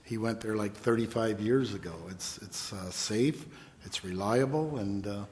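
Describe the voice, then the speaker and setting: Man on a committee, low voice, plainspoken and folksy, long reverb. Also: a little slow, darkish tone, slight background noise. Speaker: committee member. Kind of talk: committee hearing questioning. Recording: long reverb in a hearing room.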